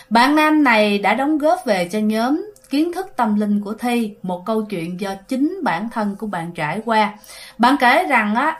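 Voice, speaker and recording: A woman narrates ghost stories in a casual, chatty way. Her voice sits a bit high, and she keeps addressing her listeners directly. The delivery is expressive.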